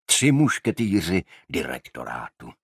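A man's voice: low voice, very animated, vocal fry, breathy edge, no room sound, clean studio sound, exaggerated voice. A man voicing a grumbling, complaining male detective in an audiobook. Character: grumbling male detective, moaning about women. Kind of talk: audiobook character voice.

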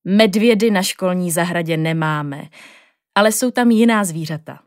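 A woman voicing a gentle old male schoolteacher in a storybook, speaking slowly, low and calm. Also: clear, resonant tone, no echo, studio quality, close to an everyday voice. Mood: kindly.

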